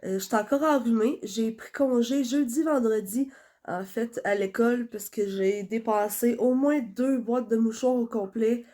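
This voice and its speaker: A young woman speaking with a Quebec French accent chats to her phone camera as a vlogger, nasal from a cold and rambling with plenty of fillers. She sounds a little high and warm, with fairly even intonation and a slightly slow pace.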